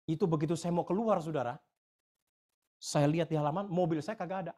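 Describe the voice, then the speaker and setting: Animated middle-aged pastor. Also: male voice, fast talker. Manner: animated preaching, swinging from loud emphatic outbursts to low quiet storytelling; humorous, playful asides to the congregation. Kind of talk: sermon.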